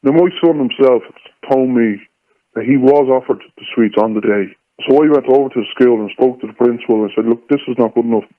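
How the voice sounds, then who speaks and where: Man with an electronically disguised voice. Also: mid-range voice. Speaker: father of a schoolboy. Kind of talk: recorded radio interview. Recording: tinny phone-like line.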